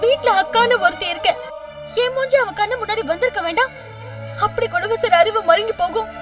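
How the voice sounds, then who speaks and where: A woman in her thirties, playing the lead in a TV serial, speaks fairly quickly in a very high voice, earnest and family-minded. Tearful and angry, she pleads respectfully, repeatedly saying "sir." The audio is distant and dull, with a background score.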